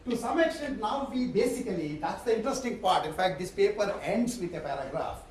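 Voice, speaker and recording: In an echoey lecture hall, captured from a distance with slight hiss or hum, a Telugu-speaking professor with an Indian accent lectures live to university students. His high, slightly mellow voice has lively intonation and moves fairly quickly, and his digressive talk trails into fillers and brief chuckles.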